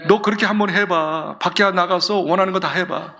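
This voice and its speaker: A man voicing a gentle, forgiving old father pleading softly with his son to come home. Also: high voice, steady tone, a little fast, gravelly, full character voice. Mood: coaxing. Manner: soft, coaxing, tender.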